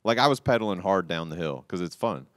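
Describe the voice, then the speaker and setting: A man on a casual talk show, telling a rambling story with restarts and loud quoted outbursts. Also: low voice, fast talker, no echo, clean studio sound. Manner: animated, rambling, restarts, quotes people loudly. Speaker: podcast co-host telling a cycling story.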